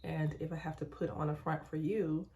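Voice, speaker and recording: A young woman vlogger chatting candidly in a hushed, halting, reflective way while doing her skincare in a bathroom at home. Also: low voice, steady tone. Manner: hushed, so as not to be overheard. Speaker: lifestyle vlogger.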